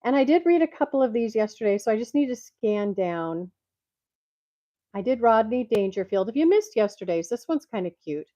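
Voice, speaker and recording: An older woman talks in a relaxed, rambling way and laughs easily, her voice mellow and a little congested. The sound is dull and tinny, like speaking through a tin can, and very dry. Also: on the high side, normal speed, no room sound. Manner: chatty, rambling, laughs often. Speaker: vlogger reading jokes. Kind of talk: casual chat. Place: at home. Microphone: microphone clipped to her glasses.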